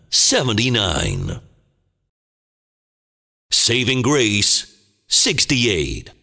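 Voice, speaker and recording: A man playing a booming, dramatic movie trailer announcer, calling bingo in short theatrical phrases with a gravelly voice. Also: pushed and bright, exaggerated voice. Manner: theatrical, deliberate, clipped phrases. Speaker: bingo caller. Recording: long booming reverb.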